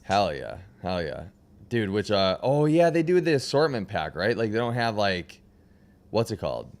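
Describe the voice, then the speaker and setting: A man's voice: fairly low pitch, lively intonation, normal speed. A young man hosting a casual livestream, laid-back and slangy, often trailing off mid-sentence. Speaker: livestream host.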